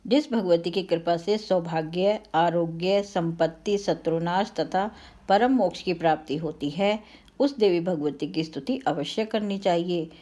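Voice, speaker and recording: A woman with a lowish, mellow voice recites devotional scripture slowly and solemnly, like an invocation. She repeats refrains and now and then corrects herself.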